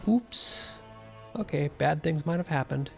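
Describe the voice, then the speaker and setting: Casual man commentating a game, gravelly edge. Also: a little high, expressive, measured pace, faint music behind. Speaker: gaming streamer.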